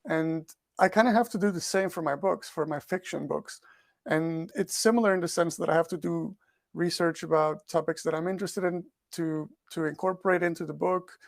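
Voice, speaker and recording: In this podcast interview, an author and researcher who grew up in Portugal, with English as his second language, responds thoughtfully, often repeating words while he thinks. He speaks at a moderate pace in a slightly high, steady voice with some vocal fry. The studio sound is clean, with no room tone.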